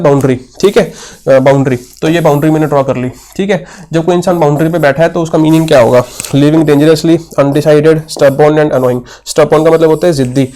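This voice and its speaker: A man's voice: a little high, a little mellow. A young man teaching English for an exam, patiently explaining answers and asking and answering his own questions. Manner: mixes Hindi with English terms, reads questions slowly. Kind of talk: exam-prep lesson, solving questions aloud.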